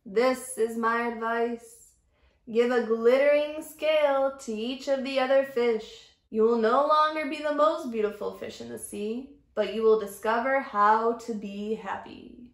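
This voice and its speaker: A woman voicing a wise old female octopus who speaks slowly in a deep, solemn way. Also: fairly even intonation, reverberant.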